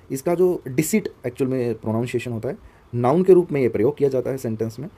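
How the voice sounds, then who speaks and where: A man's voice: mid-range voice, dark tone. A young man teaching a vocabulary lesson for exam students, conversational and spelling words out letter by letter. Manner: conversational, asks viewers to comment.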